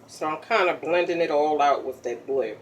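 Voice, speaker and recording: A woman's voice: deep voice, moderate pace, a little hiss or hum. A woman hosting a casual makeup tutorial in an ASMR style, chatty and popping gum, checking in with "okay?" after each step. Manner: pops chewing gum while talking.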